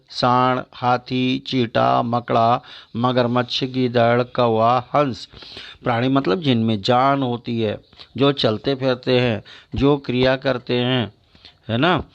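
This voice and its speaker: Male teacher, slow lesson, lo-fi. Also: mid-range voice, clean tone. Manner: slow, deliberate listing of example words; repeats "है ना" to check understanding. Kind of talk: grammar lesson. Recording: dull lo-fi recording.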